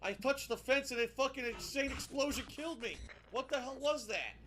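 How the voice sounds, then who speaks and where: A man giving excitable, profane commentary as he plays a video game, breaking into loud outbursts and laughter. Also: very high-pitched, brisk, noisy background. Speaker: gameplay streamer. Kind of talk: swearing let's-play commentary.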